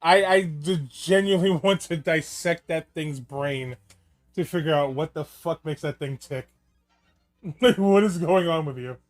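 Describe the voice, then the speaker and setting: Higher-voiced man doing casual movie commentary. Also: measured pace. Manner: rambling, joking, profane. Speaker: film commentator. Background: film soundtrack music.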